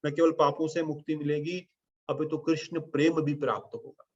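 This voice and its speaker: A man preaches a devotional sermon, telling stories with lively, animated voicing and dropping in English phrases. His voice sits a little high for a man. The recording is dull and lo-fi. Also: moderate pace.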